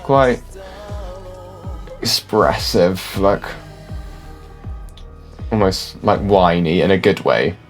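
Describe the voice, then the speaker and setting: Deep-voiced man giving chatty music reaction. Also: animated, very slow, pauses often. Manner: chatty, hedging, filler "like", musical terms. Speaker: classically trained musician reacting to songs. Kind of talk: casual reaction commentary with music analysis. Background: faint music from the reacted video.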